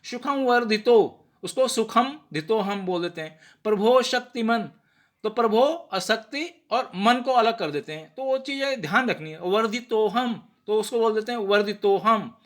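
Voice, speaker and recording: A man giving a patient pronunciation lesson, sounding out words slowly and checking in with rhetorical questions. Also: high-pitched, expressive. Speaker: teacher of prayer pronunciation. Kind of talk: explanatory lesson.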